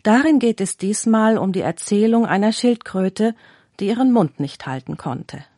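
A woman presenting a radio talk and reading a parable in a calm, clear, formal manner. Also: medium pitch, moderate pace, no room sound, studio quality. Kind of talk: scripted storytelling reading.

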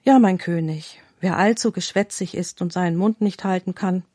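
Weiser berater am königshof, von einer frau gelesen, gemessen, trockener klang. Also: female voice, on the low side, mellow, dry recording, clean studio sound, lightly acted. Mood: admonishing. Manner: measured, instructive. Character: wise calm royal advisor, future Buddha.

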